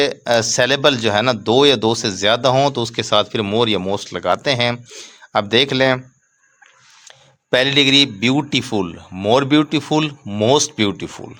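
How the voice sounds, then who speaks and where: Male grammar teacher, unhurried lecture delivery, crisp bright tone. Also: mid-range voice. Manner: slow, deliberate, spells out letters and reads English rules word by word.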